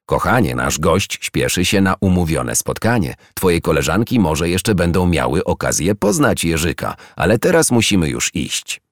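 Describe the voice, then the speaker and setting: A man reading a storybook aloud and voicing a calm, caring father who speaks gently but firmly. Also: low-pitched, normal speed, hardly any pauses, dry recording, clean studio sound, exaggerated voice. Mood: gentle.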